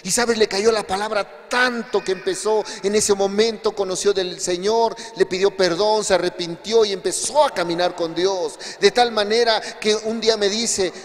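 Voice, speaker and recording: A male pastor preaching a sermon, telling a testimony with emphatic swings between quiet and raised passages. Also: high-pitched, steady tone, normal speed, few pauses. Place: church hall. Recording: long hall reverb.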